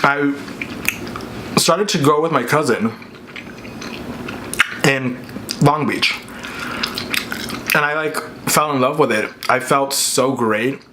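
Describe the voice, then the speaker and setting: A man's voice: mid-range voice, takes it slowly, long pauses. A man talks casually and candidly as a vlogger, chewing as he speaks, with "like" peppered through his sentences. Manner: chewing and talking with his mouth full. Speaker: vlogger hosting an eating video. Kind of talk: casual chatty mukbang vlog. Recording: clear background noise, dish clinks and clicks.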